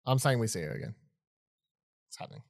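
A man hosting a casual podcast chat, animated and quick to laugh. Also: medium pitch, no room sound, clean studio sound. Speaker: podcast host.

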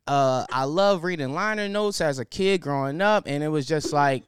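A young man hosting a podcast, excited and loose, chatting casually with plenty of fillers and profanity. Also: on the high side, moderate pace, clear, resonant tone, no echo, clean studio sound. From Baltimore County, Maryland. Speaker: podcast host.

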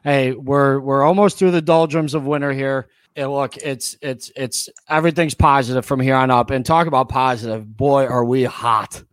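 A man's voice: medium pitch, fairly even intonation, normal speed, hardly any pauses, no echo. An American man hosting a casual sports podcast, emphatic and repeating phrases for effect. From United States. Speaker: podcast host.

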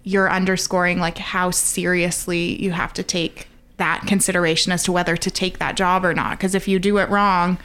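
A woman's voice: on the low side, flat delivery, normal speed, a bit bright, clean tone. A Canadian woman speaking as an expert podcast guest, explaining conversationally and stressing her points.

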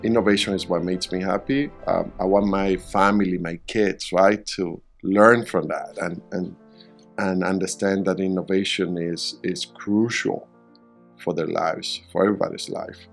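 A middle-aged man from Venezuela answering interview questions in a halting way, often repeating words while he searches for them. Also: sits low, steady tone, vocal fry, soft background music. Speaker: real estate developer, guest.

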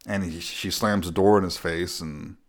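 Very deep-voiced man chatting casually. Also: moderate pace. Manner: laughs often, swears casually, retells scenes. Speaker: podcast co-host. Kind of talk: casual film recap chat.

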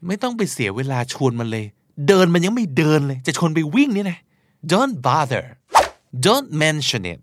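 A man teaching English expressions in a lively lesson, switching between explanation and acted example lines. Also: on the high side, unhurried.

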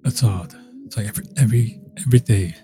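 A man's voice: on the low side, fast, music in the background. A man hosting a casual solo podcast, rambling and meandering with many fillers and restarts. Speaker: podcast host.

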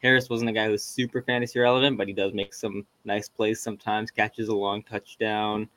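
A man's voice: on the low side, flat delivery, fairly quick, a bit bright, dry recording. A man co-hosting a podcast, talking sports in a casual, conversational way. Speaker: podcast co-host.

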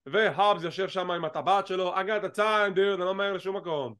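A man co-hosting a wrestling podcast, talking in a casual, animated and teasing way and slipping English phrases into his talk. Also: high-pitched, smooth. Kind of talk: casual chat.

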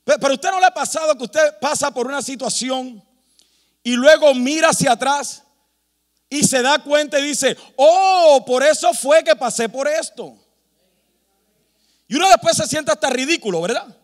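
A man's voice: very high voice, normal speed, in a large hall. A man preaching a sermon with emphasis, rhetorical questions and humorous asides. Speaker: pastor.

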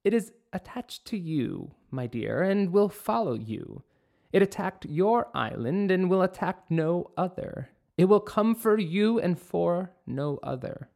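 A man voicing a wise, mysterious old witch who gives slow, solemn warnings. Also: high-pitched, big pitch swings, vocal fry, a little mellow, voice pushed up, heavily acted. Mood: grave.

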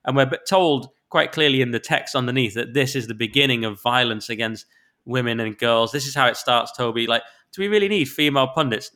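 A man co-hosting a podcast, chatting in a quick, mocking, sarcastic way. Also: medium pitch, sharp tone. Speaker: podcast co-host. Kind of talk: casual political chat.

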